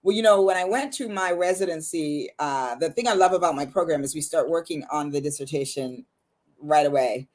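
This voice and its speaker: A middle-aged woman hosting a talk show, chatting casually and telling a lively story with acted-out quotes. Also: low-pitched, fairly quick. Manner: animated storyteller, acts out quotes. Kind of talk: casual interview chat.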